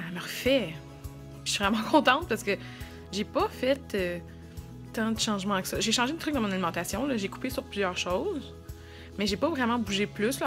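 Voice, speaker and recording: Chatting informally to her viewers, this thirtysomething vlogger with a Quebec French accent jokes at her own expense. She has a mid-range, slightly bright voice.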